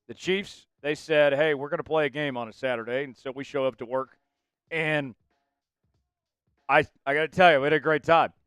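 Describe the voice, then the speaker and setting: A man's voice: fairly high pitch, smooth, no room sound. Upbeat man hosting a sports stream. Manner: energetic, rambling, talks straight to viewers. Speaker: sports show host. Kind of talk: casual live-stream sports talk.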